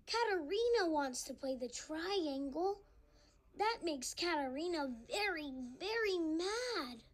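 A young performer voicing a friendly, gentle little boy tiger who narrates a children's read-along storybook in a slow, sing-song way. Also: extremely high pitch, animated, full character voice. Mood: gentle, earnest.

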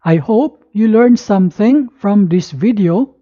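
A woman reading a scripted lesson as if dictating, word by word with pauses, spelling out letters and punctuation. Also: mid-range voice, lively intonation, mellow, lo-fi sound. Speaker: math lesson presenter. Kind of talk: scripted lesson narration, read aloud.

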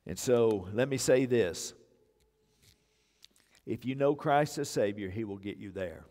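On the low side and somewhat dark in tone, this older pastor's voice is expressive and unhurried as he delivers a sermon, hammering his points with repetition. He speaks into a wireless mic from an indoor church sanctuary stage, where the hall's long reverb fills the sound.

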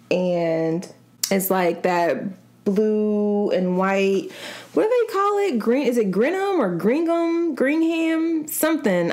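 A woman's voice: mid-range voice, a little mellow. Chatty young woman vlogger, rambling. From Kansas City, Missouri side. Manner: chatty and rambling, slangy, restarts often. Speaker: mukbang vlogger. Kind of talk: casual chat to camera.

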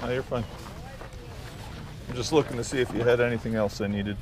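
A man's voice: mid-range voice, steady tone, brisk. A man vlogging while shopping at an outdoor flea market, chatting easygoingly and haggling with sellers, recorded on a body-worn camera. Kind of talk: casual chat while bargaining. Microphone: body-worn action camera. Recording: outdoor noise behind voice.

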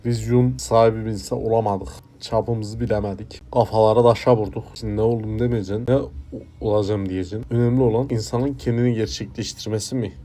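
A man playing a washed-up former television personality in a comedy sketch, muttering low and self-deprecating. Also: natural voice. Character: washed-up male former TV personality running troll accounts.

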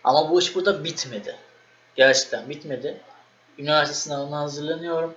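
A young man vlogging, telling a story in a casual, animated way and acting out what he said. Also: fairly high pitch, brisk. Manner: animated, acts out his own quoted lines. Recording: echoey room, dull lo-fi sound, faint noise.

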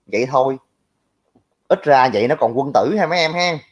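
Over dull, lo-fi audio, a young man with a Southern Vietnamese accent fires back at viewer comments on a livestream. He's brash, crude and scornful of his critics, speaking briskly in a mid-range voice with lively intonation.

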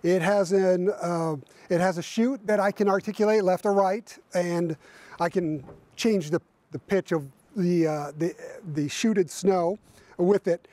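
Outdoors by a barn in winter, a man in his fifties talks through his tractor to camera, casual and full of fillers and restarts. He speaks a little slowly in a high, darkish voice, with no echo on the recording.

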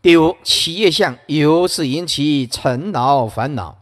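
A man's voice: fairly high pitch, slow. A man giving an emphatic Buddhist sutra lecture, storytelling with frequent interjections. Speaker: Buddhist dharma teacher. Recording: long hall reverb.

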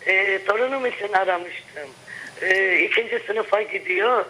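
A woman's voice: mid-range voice, unhurried, pushed and bright. An older woman calling in over a telephone line, talking hesitantly, repeating herself and searching for words. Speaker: caller. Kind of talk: call-in question to a TV program.

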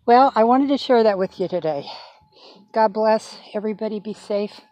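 Poor audio captures an older woman vlogging from her cargo van by handheld phone camera, with no echo. Her voice is warm and on the high side at a moderate pace, and she chats casually and folksily while demonstrating something, often apologizing and asking for patience.

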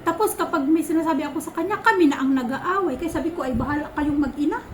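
Woman, Filipino, 30s, vlogger, high-pitched, exasperated casual storytelling, faint background noise. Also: fast, low-quality recording. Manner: chatty, exasperated, retells quarrels with quoted lines.

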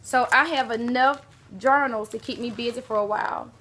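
Bright-voiced gushing woman. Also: on the high side, steady tone, normal speed. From Alabama. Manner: gushing, exclaims often, talks to viewers as y'all. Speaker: beauty vlogger. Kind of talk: casual mail swap unboxing.

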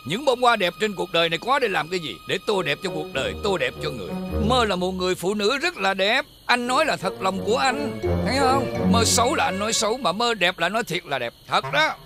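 An actor playing a comic suitor with a Southern Vietnamese accent, coaxing and earnestly flattering. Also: male voice, high voice, fairly quick, over music. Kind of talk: comic TV drama acting.

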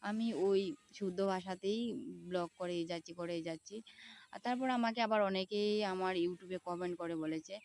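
A woman's voice: lowish voice, moderate pace, darkish tone. Chatty woman with a Sylheti accent. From Tripura, India. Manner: chatty, repeats herself while explaining. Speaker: vlogger. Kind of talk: casual talk to viewers. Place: outdoors by a pond.

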